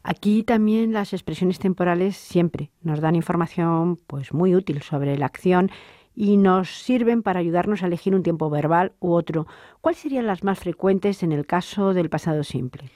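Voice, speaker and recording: A woman's voice: fairly low pitch, normal speed, dark tone, no echo, studio quality. A woman hosting a language lesson, posing questions and summing up each point. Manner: poses questions and sums up. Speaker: host. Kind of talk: scripted lesson moderation.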